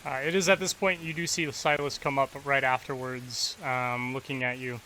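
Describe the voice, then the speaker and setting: Bright-voiced hesitant game master. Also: male voice, mid-range voice, flat delivery, normal speed, slight background noise, rough recording. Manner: hesitant with many fillers. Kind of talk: narrating a tabletop game.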